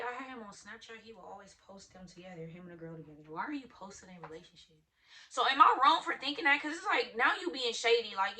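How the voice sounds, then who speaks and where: A young woman telling a storytime vlog candidly, jumping from loud outbursts to hushed asides. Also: on the high side.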